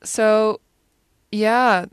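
A woman's voice: medium pitch, steady tone, very slow, clear, resonant tone, no room sound. A woman casually chatting about a film, talking animatedly with lots of fillers and asides. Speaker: film commentator. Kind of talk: casual solo chat.

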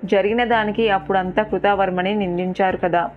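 A woman's voice: mid-range voice, fairly even intonation, a little fast, lightly acted. A woman storyteller voicing a male warrior prince in her own plain voice. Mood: dismissive. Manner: plain speech in the narrator's own voice. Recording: tinny phone-like sound, faint music.

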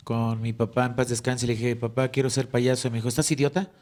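A man's voice: mid-range voice, fast. A middle-aged Mexican man, a clown, telling jokey stories in casual chat with a Mexican accent. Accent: Mexican Spanish. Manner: storytelling, jokey, lively. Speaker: clown guest.

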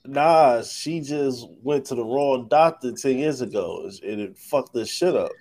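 Male co-host, mid-pitched and unhurried, casual slangy podcast banter. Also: darkish tone. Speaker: co-host of a sports talk podcast.

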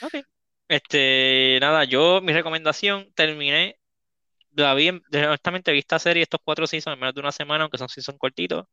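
A young man hosts a casual podcast chat, laughing, slipping in English words, and acting out quotes. His voice is on the high side, pushed and bright, with a clean tone and no room sound, though the audio is dull overall.

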